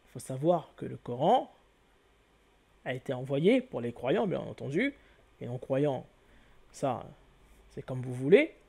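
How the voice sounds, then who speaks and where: A man's voice: mid-range voice, very animated, unhurried, vocal fry, pauses often, mellow, slightly rough. A man giving an explanatory lecture to viewers, spelling out letters one by one and often correcting himself. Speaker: lecturer on word origins.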